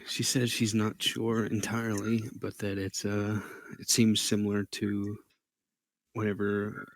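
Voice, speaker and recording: A man narrating a tabletop game as game master, halting and thinking aloud as he describes scenes. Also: on the low side, completely flat delivery, slight background noise.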